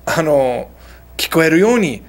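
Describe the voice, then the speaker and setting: Lively Japanese-speaking man teaching English. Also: a little high. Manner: chatty, mixing in slow English phrases. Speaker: English teacher and show host. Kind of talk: casual spoken lesson.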